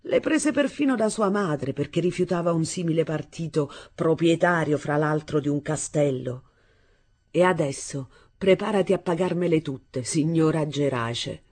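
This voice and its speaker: A woman reading aloud voices a brash young husband who mocks and threatens his bride in loud bursts. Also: deep voice, animated, moderate pace. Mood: menacing. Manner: mocking, menacing, loud bursts.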